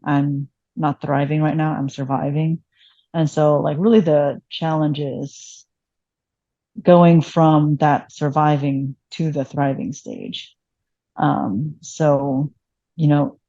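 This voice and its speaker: A Vietnamese emergency physician in her late thirties speaks reflectively in a conversational interview, using many fillers. Her voice is low and warm, recorded with no echo but with the highs cut off.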